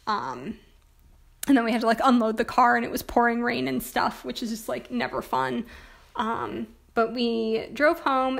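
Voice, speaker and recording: Young woman, hoarse, fairly high voice, rambling chatty vlog talk, lots of fillers. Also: fairly bright tone. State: hoarse, losing her voice. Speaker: planner vlogger. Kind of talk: casual chat.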